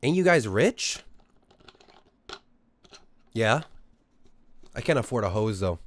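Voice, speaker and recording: A young Australian man rants at his live-stream chat, casual and profane, incredulous and exaggerated. His fairly low voice is sing-song and slow, with slight background noise behind it.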